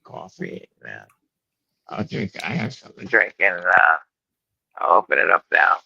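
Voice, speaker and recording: A middle-aged man with a gravelly, rough whiskey voice, chatting casually over a tinny, breaking-up internet connection. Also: deep voice, very animated, moderate pace, pushed and bright, no room sound. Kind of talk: casual chat. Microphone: remote call microphone.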